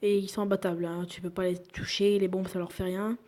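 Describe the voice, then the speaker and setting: A woman's voice: fairly low pitch, flat delivery, fairly quick, mellow. A young woman giving casual commentary over a video game she is playing, chatty, often dropping to a whisper as she plays. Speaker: gaming YouTuber.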